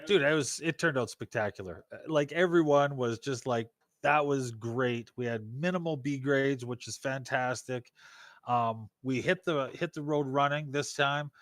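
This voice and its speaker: A man's voice: mid-range voice, moderate pace, no room sound, clean studio sound. A man co-hosting a casual live stream, laid-back and full of "dude" and "like". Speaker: co-host and shop owner.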